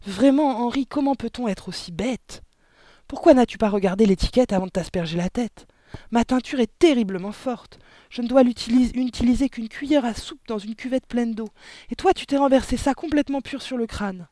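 A reader putting on a shrill shrieking mother. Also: animated, a little fast, mellow, dry recording, lightly acted. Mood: scolding. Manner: shrieking, scolding. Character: shrill hysterical middle-aged mother. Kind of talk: audiobook reading.

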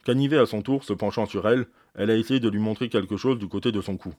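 A man reading aloud as a proud, precise senior doctor, recounting events in a measured, explanatory way. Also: lowish voice, darkish tone, no room sound, clean studio sound, close to an everyday voice. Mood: grave recounting. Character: eminent older male doctor, proud, precise.

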